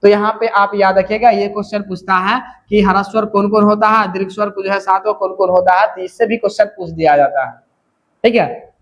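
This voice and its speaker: Man, high-pitched voice, teacher, slow repetitive lecture, frequent check-ins. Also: steady tone, a bit bright. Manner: repeats key terms slowly, frequent "theek hai" checks. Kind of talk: classroom lecture.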